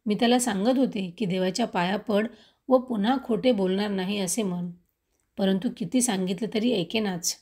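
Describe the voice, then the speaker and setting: A woman's voice: medium pitch, normal speed, a little mellow, close to an everyday voice. A woman voicing a stern, loving village mother who firmly scolds her son in a read-aloud story.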